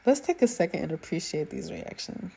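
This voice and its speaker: A woman's voice: fairly low pitch, big pitch swings, fairly quick, gravelly, warm tone, breathy edge. A woman giving a casual, gushing recap of a TV drama episode, talking chattily to her viewers.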